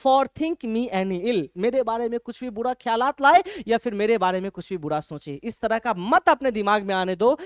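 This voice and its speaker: A man teaching a lecture in a lively way, checking often that students follow and reading verse lines slowly. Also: very high-pitched, no room sound, studio quality. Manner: lively, keeps asking if things are clear; reads English verse slowly. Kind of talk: classroom-style lecture.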